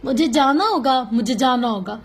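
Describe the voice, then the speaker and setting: A woman's voice: sits high, expressive, normal speed, slightly rough, exaggerated voice. A woman voicing a young man in shock, muttering to himself with guilt, in a novel reading. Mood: frantic.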